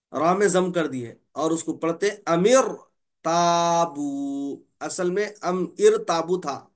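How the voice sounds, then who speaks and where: Patient high-voiced male tajweed teacher. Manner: patient and encouraging, stretches example words slowly. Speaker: Quran recitation teacher. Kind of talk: online tajweed class.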